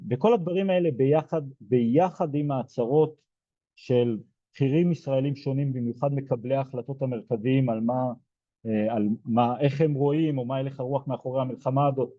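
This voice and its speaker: A soft-spoken man from Israel giving a lecture, hesitant, with many fillers and restarts. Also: medium pitch, dry recording, dull audio. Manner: soft-spoken, hard to hear. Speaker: genocide studies lecturer. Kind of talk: explaining lecture.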